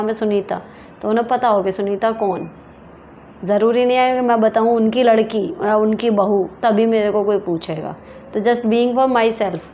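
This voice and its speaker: A woman hosts a casual advice talk and answers viewer questions in a frank, down-to-earth way. Her voice sits at a middle pitch. A faint hiss of background noise stays under her voice. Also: darkish tone. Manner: frank, direct, reads questions aloud then answers plainly. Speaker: advice show host.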